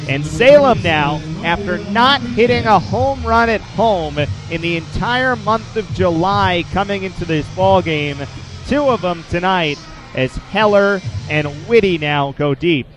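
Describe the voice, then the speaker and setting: A play-by-play sportscaster in his twenties calls a baseball game live on radio, describing the action in a measured way. Between pitches he fills in with statistics, and music plays underneath.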